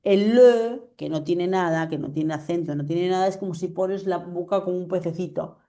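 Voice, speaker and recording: Patient woman teaching French, mellow voice. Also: lowish voice, little pitch movement, a little fast. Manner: patient, checks understanding often. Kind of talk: online class explanation. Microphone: video call.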